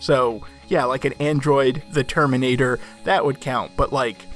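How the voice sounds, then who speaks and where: A man's voice: mid-range voice, fairly even intonation, a little slow, a bit bright, faint music behind. A man co-hosting a podcast in casual chat, laying out rules in a matter-of-fact way. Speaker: podcast co-host.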